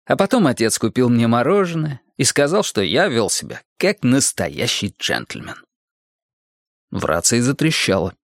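Measured dry man narrating a story. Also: medium pitch, sing-song, dry recording. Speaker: audiobook narrator. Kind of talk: scripted narration.

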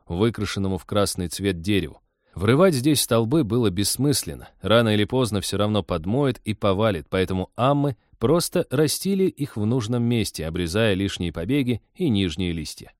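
A man narrating a science-fiction audiobook in a wry, even storytelling manner. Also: lowish voice, brisk, no room sound, studio quality.

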